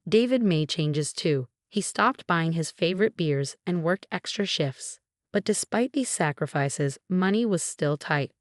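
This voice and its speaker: A woman reading a family drama story aloud in an even, measured way. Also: low-pitched, no echo, studio quality. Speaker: story narrator. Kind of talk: scripted narration.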